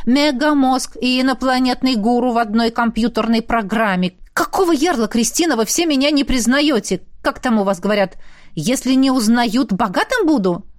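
A woman voicing a grumpy, know-it-all male AI program with a hoarse, raspy voice. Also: on the high side, normal speed, no room sound, clean studio sound, lightly acted. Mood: indignant. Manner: grumbling, indignant.

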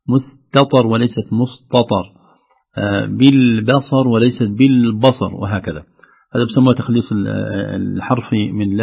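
A man teaching Quran recitation on the radio, explaining carefully and demonstrating words slowly. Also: lowish voice, gravelly, breathy edge. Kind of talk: instructive radio discussion. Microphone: studio microphone. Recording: slightly dull radio studio sound.

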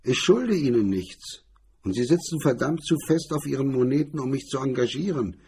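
A man's voice: medium pitch, expressive, normal speed, a little mellow, slight background noise, pitched above the performer's own voice, natural voice. A man reading the part of a cool, sneering male blackmailer, in a mocking, condescending tone. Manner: mocking, condescending, hard-edged.

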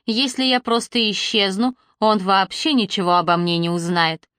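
A woman's voice: mid-range voice, fairly even intonation, moderate pace, fairly bright tone, clean tone, no room sound, clean studio sound. Woman reading a first-person novel. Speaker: audiobook narrator. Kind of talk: first-person audiobook narration.

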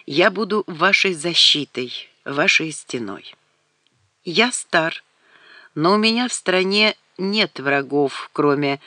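A woman's voice: on the low side, expressive, slow pace, bright, forceful tone, no room sound, studio quality, heavily acted. A woman reading an old courteous baron. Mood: tender.

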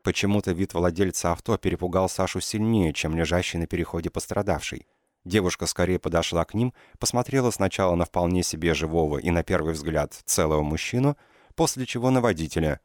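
Low-voiced male audiobook narrator. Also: a little fast, darkish tone, no room sound, studio quality. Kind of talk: scripted narration.

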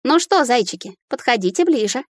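A woman's voice: fairly high pitch, big pitch swings, a little fast, no echo, studio quality, voice pushed up. A woman voicing a young female fairy who is playful, curious and amused, with a lilting, cheerful lilt.

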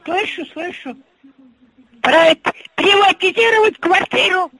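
A woman's voice: very high-pitched, takes it slowly, fairly bright tone, no echo, poor audio. An older woman on the phone who cannot hear well, repeating herself in confusion.

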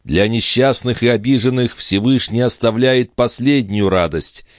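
A man's voice: mid-range voice, normal speed, dry recording, clean studio sound, voice pushed up, lightly acted. A man reading an audiobook and voicing a young nobleman as a protective brother, in a solemn, restrained, consoling voice. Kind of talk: audiobook character voice.

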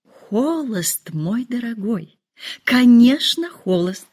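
An excitable, fretful mother bursts into high, gushing exclamations, as a woman reading aloud puts her on. Her pitch leaps widely from line to line in a storybook reading. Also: a little slow. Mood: excited.

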